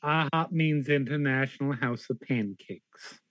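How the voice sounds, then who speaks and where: A man's voice: medium pitch, a little slow, a bit bright, dry recording. A man chatting casually as a player in a tabletop game, on a slightly dull recording.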